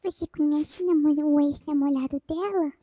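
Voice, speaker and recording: A woman's voice: sits high, steady tone, brisk, mellow, dry recording, lightly acted. A woman voicing a creepy, sweet little girl called a devil's doll, with a Brazilian accent and polite, childish manners. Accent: Brazilian Portuguese. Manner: polite, childish, sing-song greetings.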